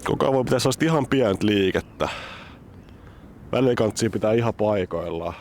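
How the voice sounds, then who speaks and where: A fishing vlogger from Helsinki, Finland, narrates a casual outdoor vlog from a frozen city lake. He's excitable and chatty, explaining his technique in a lowish voice, with a little hiss or hum on the recording.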